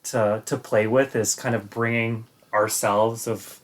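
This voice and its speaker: A man's voice: medium pitch, fairly even intonation, unhurried. A man, a stage actor, talking casually in an interview, hesitantly searching for his words.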